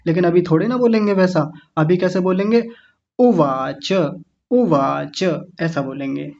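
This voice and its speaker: A man's voice: high voice, animated, a little mellow, lo-fi sound. A man teaching an online class, patiently sounding out words syllable by syllable for his students. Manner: patient, slow syllable-by-syllable demonstration. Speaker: Sanskrit recitation teacher.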